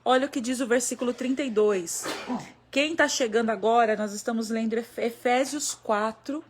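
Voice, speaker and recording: Woman pastor, slightly high voice, repetitive and emphatic live-stream sermon. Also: moderate pace, slight background noise. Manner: emphatic, repeating phrases, acting out quoted prayers.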